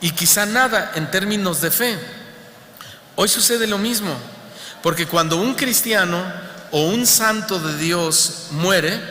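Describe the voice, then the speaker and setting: A male pastor preaching a sermon in a church hall and often turning to his listeners with rhetorical questions. His voice is bright and a bit high. The hall gives it a long, roomy reverb. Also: slow pace, a little hiss or hum.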